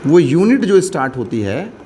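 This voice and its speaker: A man's voice: fairly high pitch, sing-song, moderate pace, dark tone, a little hiss or hum. A man teaching an English lesson, switching between Hindi and Indian-accented English and repeating points for students. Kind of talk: classroom lecture.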